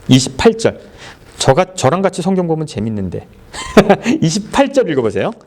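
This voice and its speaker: A male pastor preaching at a church service, animated and often quizzing the congregation with quick questions. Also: on the high side. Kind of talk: sermon.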